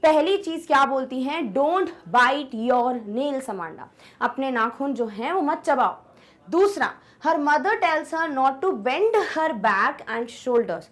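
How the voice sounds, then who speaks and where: A young woman teacher explaining an English poem in a chatty way, often checking whether students follow and reading the English lines slowly. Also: high-pitched. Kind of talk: online lesson explaining an English poem in Hindi.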